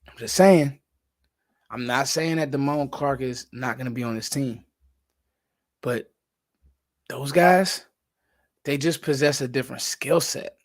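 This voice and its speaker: A man hosting his own show, giving casual, animated football analysis that sometimes drops to a whisper. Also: mid-range voice, unhurried, long pauses, dry recording, studio quality. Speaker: sports podcast host.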